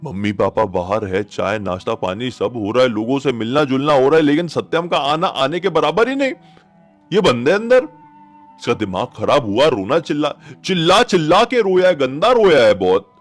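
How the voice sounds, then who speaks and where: A man with a medium-pitched voice tells a horror story at a moderate pace over soft background music. His retelling is casual, conversational and dramatic, and he speaks straight to the listener. He's animated and repeats phrases to build suspense.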